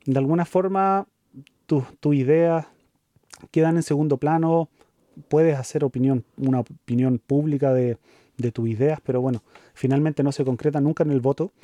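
A Chilean man in his thirties co-hosting a casual conversation, speaking thoughtfully with pauses and fillers. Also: fairly high pitch, mellow, no room sound. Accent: Chilean Spanish. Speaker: co-host.

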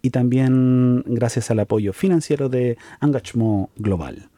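A man's voice: mid-range voice, unhurried, mellow, no room sound. A man hosting a conversational interview, asking friendly questions.

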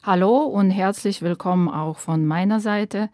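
A woman's voice: medium pitch, measured pace, dark tone, no room sound. A woman from Ukraine, a podcast guest in a radio studio, speaking earnestly and thoughtfully with frequent hesitations. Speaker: guest, activist. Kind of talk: conversational podcast talk.

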